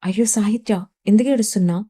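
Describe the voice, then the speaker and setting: A woman's voice: medium pitch, quick pace, warm tone, natural voice. A woman voicing a caring middle-aged mother-in-law in an audio story, asking concerned questions.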